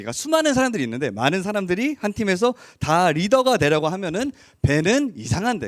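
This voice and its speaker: A man's voice: sits high, no echo, studio quality. A man preaching a sermon in an informal, explanatory way, sprinkling English words into his talk. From Korean raised abroad. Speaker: preacher, associate pastor of an English-language congregation.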